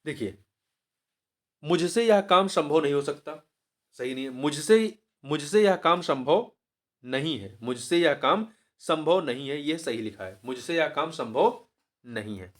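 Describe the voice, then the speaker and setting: A man teaching as he works through a test paper, explaining each answer and repeating the key word slowly, sometimes stopping to correct himself mid-word. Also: on the high side, expressive. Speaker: exam prep teacher.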